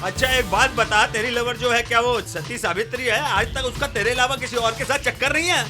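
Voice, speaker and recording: An actor dubbing a young street thug in a film, mocking and provoking. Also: male voice, extremely high pitch, a little fast. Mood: taunting. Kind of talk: Hindi film dub acting. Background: film score music.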